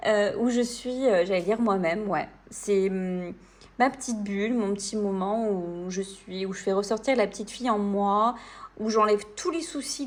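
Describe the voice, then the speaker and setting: A woman from France chatting casually to her viewers as she colors, relaxed and full of little fillers and self-talk. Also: medium pitch. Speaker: coloring channel host. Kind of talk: casual chat while coloring.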